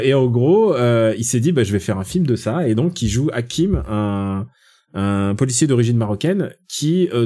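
Male podcast host, mellow dark tone, chatty and digressive. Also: medium pitch. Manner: chatty, digressive, with frequent restarts. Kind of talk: casual film chat.

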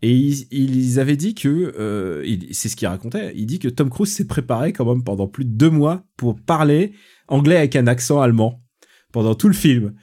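A man with a middle-pitched voice talks through a film in a loose, casual podcast chat. He gets animated, swears freely and keeps trailing off and starting over as he riffs. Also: normal speed. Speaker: podcast co-host reviewing a film.

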